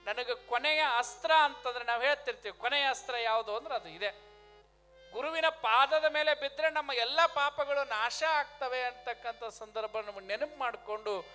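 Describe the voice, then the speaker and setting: A man's voice: very high voice, normal speed, sharp tone, faint music behind. A man with a North Karnataka Kannada accent preaching an emphatic storytelling sermon, repeating phrases for stress. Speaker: religious preacher.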